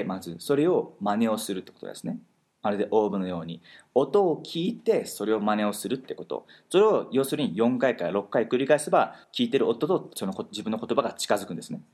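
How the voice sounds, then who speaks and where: Husky, fast-talking male host. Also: medium pitch, darkish tone. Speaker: host teaching pronunciation. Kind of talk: explanatory chat.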